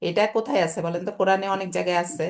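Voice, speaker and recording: A woman's voice: medium pitch, fairly even intonation, rapid-fire. A woman teaching a Quran reading class over a video call, explaining patiently and often checking with students whether they follow. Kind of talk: online class lesson.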